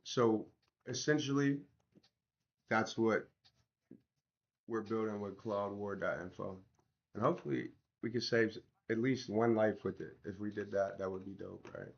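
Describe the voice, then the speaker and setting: A man with a fairly low voice talks to his stream in loose, slangy chat. His throat is sore from swollen tonsils and his voice has not fully returned. The audio is a little dull and lo-fi, as he informally walks viewers through his work. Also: a little slow, vocal fry, long pauses. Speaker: livestream host building an app. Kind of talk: casual livestream chat while working.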